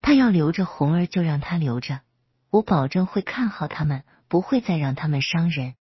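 A woman's voice: sits low, animated, moderate pace, breathy edge, dry recording, highs cut off, exaggerated voice. A woman voicing a desperate middle-aged husband in a storybook reading, who pleads frantically.

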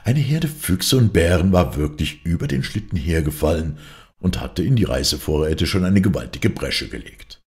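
A man reading a classic adventure novel aloud as an audiobook narrator, with lively storytelling and the quoted lines given voices. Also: low-pitched, moderate pace.

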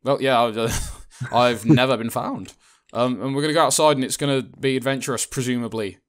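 A British man co-hosts a casual let's-play for a gaming channel, rambling, joking, laughing often, and swearing casually. His voice is mid-range with a steady tone and a slightly fast pace.

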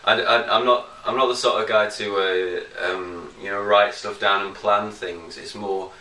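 A man with a northern English accent, a violinist guest in casual chat, talking in halting restarts and fillers. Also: lowish voice, fairly even intonation, pushed and bright. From Manchester, England. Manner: hesitant, full of restarts and fillers. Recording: echoey room, distant mic, faint noise.

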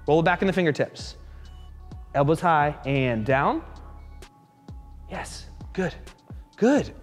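A man coaching a fitness class, encouraging and joking as he calls out quick repeated cues. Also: a little high, expressive, soft background music. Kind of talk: live coaching class instruction. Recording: echoey hall reverb.

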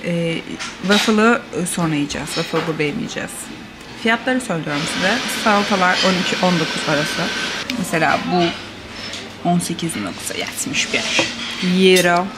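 A young woman chatting playfully to a handheld camera for her travel vlog, laughing often and breaking into lively exclamations. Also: on the low side, normal speed, loud music behind the voice. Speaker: travel vlogger. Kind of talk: casual travel vlog chat.

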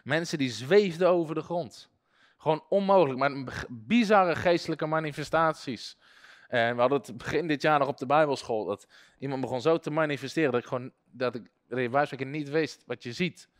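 Man, Bible school teacher, high-pitched voice, lively classroom storytelling, frequent chuckles. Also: fairly quick. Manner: animated storytelling, chuckles often. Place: classroom with a live audience.

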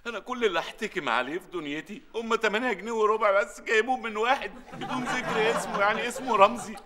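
A man's voice: sits high, rapid-fire, a faint crowd. An actor playing a harried middle-aged father, sarcastic and exasperated, in a sitcom. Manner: exasperated, sarcastic, rises to shouting rants. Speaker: sitcom lead. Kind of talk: sitcom acting.

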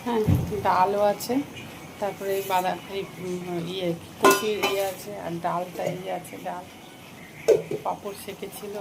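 A woman's voice: mid-range voice, gravelly. A woman from West Bengal with a Bengali accent, chatting casually through a home vlog, rambling and filling gaps with hesitation words. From West Bengal, India. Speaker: vlogger. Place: home kitchen and balcony, festival night. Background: noise, firecrackers and street ambience.

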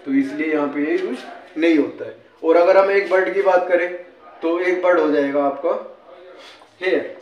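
A man's voice: on the high side, normal speed, lo-fi sound. A man with an Indian accent explaining English words like a teacher, often asking a question and answering it himself. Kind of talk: casual classroom-style explanation. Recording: echoey room.

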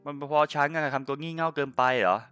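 A man reading a heartbroken, tearful young woman's game dialogue in a soft, subdued voice. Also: on the high side, steady tone, fast, clear, resonant tone, faint music behind. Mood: distraught.

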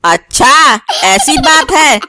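A kind, motherly water fairy from a cartoon, speaking in an unhurried, reassuring way, as a woman acts her out. The voice sits fairly high and moves at a slow pace. A steady hiss of noise runs under the recording. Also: exaggerated voice. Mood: soothing. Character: kindly female water fairy, motherly and helpful. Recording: noisy recording.

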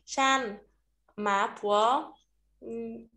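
A woman student reading Chinese vocabulary aloud in a hesitant, halting way. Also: on the high side, fairly even intonation, pushed and bright. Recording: roomy echo.

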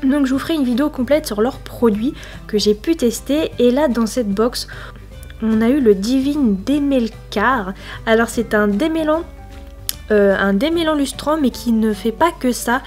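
A woman's voice: fairly high pitch, normal speed, a little mellow. A young French-speaking woman, chatty and enthusiastic, reviewing a subscription box in a casual vlog on a lapel mic. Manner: chatty, enthusiastic, reads product blurbs aloud. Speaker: equestrian vlogger. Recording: faint music behind the voice. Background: faint background music.

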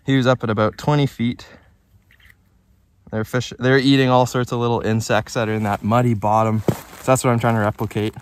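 A man's voice: medium pitch, little pitch movement, a little fast, slight background noise. Young man fishing outdoors, easygoing. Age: young adult. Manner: easygoing, enthusiastic, explains as he fishes. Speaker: fishing vlogger. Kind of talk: casual on-camera commentary. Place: outdoors on a frozen lake. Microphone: camera on the ice nearby.

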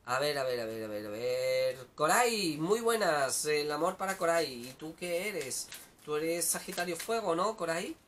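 A man's voice: a little high, lively intonation, a little slow, a bit bright, a little hiss or hum. Chatty tarot reader man. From Spain. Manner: chatty, repeats words, greets viewers by name. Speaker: tarot reader on a live stream. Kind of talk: casual live tarot reading to viewers.

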